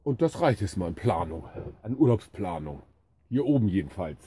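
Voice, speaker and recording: This man, in his fifties, vlogs his travels with the camera at arm's length, moving between a lakeside and a wooden hut. His commentary is chatty, meandering and full of self-corrections, delivered at normal speed in a fairly low, warm, breathy voice with lots of animation.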